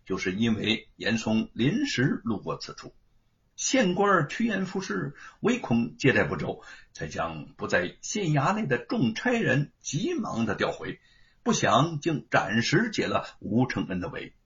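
Animated male storyteller, lo-fi. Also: medium pitch. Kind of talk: dramatic storytelling narration. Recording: dull lo-fi recording.

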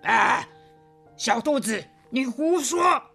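A woman voicing a big fierce male tiger in a children's storybook reading, with gruff, demanding shouts. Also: high-pitched, expressive, slow pace, faint music behind, heavily acted. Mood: bossy, angry.

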